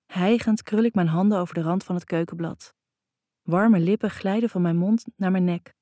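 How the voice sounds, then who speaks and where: Woman reading a romance audiobook, low warm voice, intimate even delivery, dry close mic. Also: moderate pace, no echo. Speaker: audiobook narrator. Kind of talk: first-person scripted narration.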